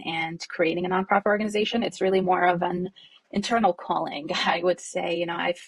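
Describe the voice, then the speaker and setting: A woman who co-founded a nonprofit, originally from Jordan, answering interview questions in a reflective, conversational way with frequent fillers and soft laughs. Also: on the low side, husky, no echo.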